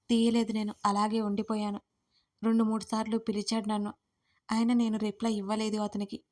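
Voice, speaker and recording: Flat-voiced woman narrating an audio story. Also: medium pitch. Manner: steady, even storytelling, addresses listeners directly.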